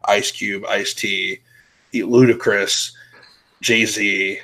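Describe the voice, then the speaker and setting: A man's voice: fairly low pitch, level tone, drawn-out words, vocal fry, sharp tone, rough recording. A young man hosting a show, chatting casually with blunt, profane, laughing talk. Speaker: podcast host. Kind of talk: casual chat.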